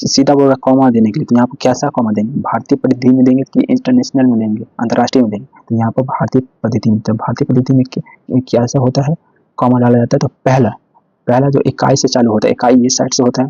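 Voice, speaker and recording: Slow, flat-voiced man teaching math. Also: mid-range voice, slightly rough, dry recording, muffled recording. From India. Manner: slow, repetitive, walks through step by step with restarts. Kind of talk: explaining a math exercise.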